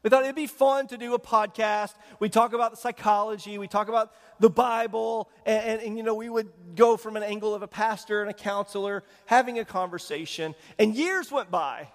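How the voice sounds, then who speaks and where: A man's voice: sits high, brisk, few pauses, in a large hall. A male pastor preaching a conversational sermon and asking the congregation questions. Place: church sanctuary.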